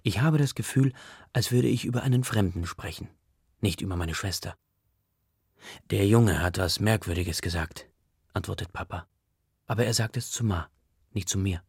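A man reading a story aloud in the first person, in a quiet, subdued way. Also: deep voice, normal speed, pauses often, no room sound, clean studio sound. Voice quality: gravelly, husky. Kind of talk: audiobook narration.

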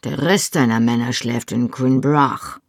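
A reader doing a wry old Highland clansman. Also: steady tone, measured pace, vocal fry, no room sound, clean studio sound. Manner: wry, matter-of-fact. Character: dry, wry loyal Highland clansman, older man. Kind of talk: audiobook character voice.

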